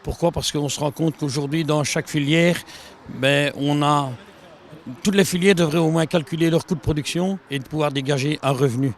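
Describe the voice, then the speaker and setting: Brief: farmer-organizer, man, slightly raised pitch, earnest rallying appeal with fillers. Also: steady tone, moderate pace.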